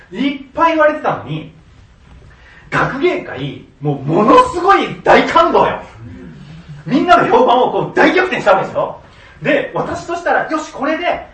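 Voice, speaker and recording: A man's voice: very high voice, a bit bright, far from the mic. A man telling a personal story in a casual monologue, laughing often and acting out the voices he quotes. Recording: echoey room, voice a bit off-mic, faint background noise.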